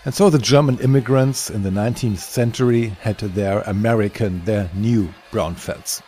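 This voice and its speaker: A man narrating a documentary voice-over in a calm, explanatory way. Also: on the low side, moderate pace.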